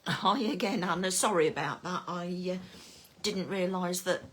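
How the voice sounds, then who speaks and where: A woman's voice: fairly low pitch, normal speed, a bit bright, breathy edge. A middle-aged woman, chatting casually on a craft live stream and greeting viewers by name. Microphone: phone camera.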